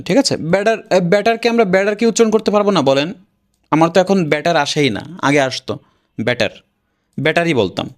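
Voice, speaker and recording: Male teacher, Bangladeshi accent, slightly high voice, chatty and repetitive in a video lesson. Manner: chatty, repeats model phrases slowly. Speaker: English pronunciation teacher. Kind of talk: online lesson.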